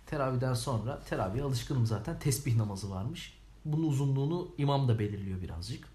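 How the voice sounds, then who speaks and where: A man's voice: medium pitch, animated, fairly quick, warm tone. A young man co-hosting a podcast, chatting casually and teasing, with frequent apologetic asides. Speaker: podcast co-host. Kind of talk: casual comedic chat. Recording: roomy with faint background noise.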